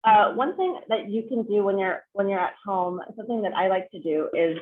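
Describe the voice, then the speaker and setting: A woman's voice: medium pitch, lively intonation, fairly quick. A woman leading an online choir sectional, chatty and full of fillers and restarts. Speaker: choir clinician. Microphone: video call. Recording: tinny video call audio, faint noise.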